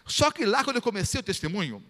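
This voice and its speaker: Lively pastor in a reverberant hall. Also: male voice, high-pitched, quick pace. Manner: animated storytelling, acts out quoted voices. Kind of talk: sermon with testimony.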